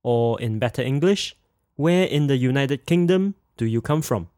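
A man teaching a language lesson in a clear, explanatory scripted narration, saying example phrases slowly. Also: medium pitch, expressive, warm tone, no echo, clean studio sound.

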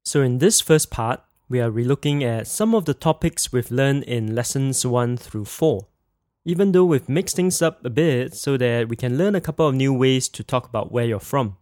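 A man teaching a language lesson in a clear, explanatory scripted narration, saying example phrases slowly. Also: medium pitch, animated, darkish tone, no echo, studio quality.

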